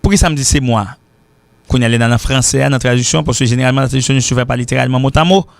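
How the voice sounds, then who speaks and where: Haitian guy teaching english, says words over n over slow, mid voice, dead dry sound. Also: mid-range voice, steady tone, vocal fry, no echo. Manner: repeats words slowly to drill pronunciation. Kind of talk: informal lesson mixing French and Creole.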